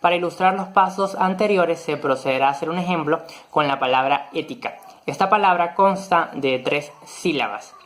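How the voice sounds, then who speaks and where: Teacher type walking through spelling rules, steady and methodical, the odd "mm" or "eh" thrown in. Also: mid-range voice. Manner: measured and methodical, with occasional hesitant fillers. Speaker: presenter of a virtual spelling lesson. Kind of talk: explanatory lecture, partly read.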